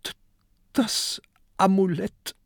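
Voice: medium pitch, fairly even intonation, slow pace, breathy edge, no room sound, studio quality, pitched above the performer's own voice. Narrator voicing a stuttering little pirate boy. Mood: sobbing. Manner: stutters on first sounds. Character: small anxious boy pirate who stutters.

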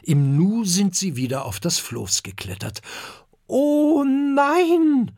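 A husky-voiced narrator reading a children's story aloud. The telling is slow and expressive, with a lively, wide-ranging melody. The recording is dry and close. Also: mid-range voice, dry recording. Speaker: audiobook narrator.

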